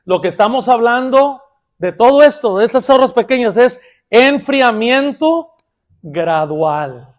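Male pastor, strikingly high voice, sermon with playful asides. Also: lively intonation, unhurried. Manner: playful, swings between loud emphasis and quiet asides.

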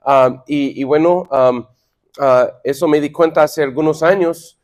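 A middle-aged man leading a sermon-style Bible lesson for married men, halting with fillers and repeated words, and playfully acting out little quips. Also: fairly high pitch, steady tone, darkish tone, muffled recording. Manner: playful, acts out quips for laughs. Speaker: pastor leading a men's Bible study.

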